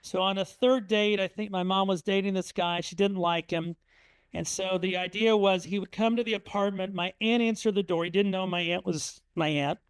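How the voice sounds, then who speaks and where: This middle-aged author from Indiana, USA, gives a conversational museum talk with slides, sharing family anecdotes full of ums and uhs. His high, smooth voice keeps a fairly even intonation at normal speed. There's no echo, though the audio is poor.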